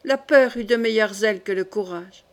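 A woman's voice: mid-range voice, moderate pace. Woman reading a classic novel aloud. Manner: steady literary reading. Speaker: audiobook reader. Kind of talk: audiobook narration.

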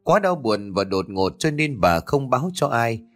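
A man narrating a horror story in a dramatic, expressive manner. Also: medium pitch, normal speed. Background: faint music.

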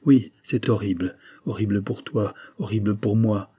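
Heard from a low, dark, husky voice, this is an earnest middle-aged banker, anxious and pleading, read by a man narrating a novel. He presses every word with emotion. The tone stays mellow and rough. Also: normal speed. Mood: urgent, anguished.

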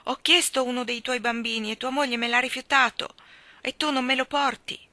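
A woman voicing an ancient immortal fairy who speaks forcefully and reproachfully in a storybook reading. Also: on the high side, moderate pace, no echo.

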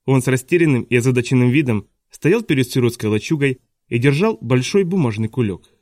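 A man narrating an audiobook fairy tale with an even storytelling delivery. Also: mid-range voice, brisk, no room sound, clean studio sound. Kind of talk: scripted narration.

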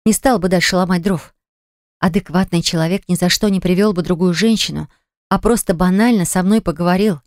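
A woman's voice: fairly low pitch, fairly quick, darkish tone, no echo, clean studio sound, close to an everyday voice. A woman voicing a hurt young woman who answers her ex-fiancé in a cutting, reproachful way, in an audiobook. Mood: cold. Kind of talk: audiobook dialogue reading.

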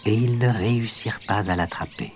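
A man narrating a children's storybook in a gentle, expressive read-aloud voice. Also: on the low side, fairly quick, very noisy.

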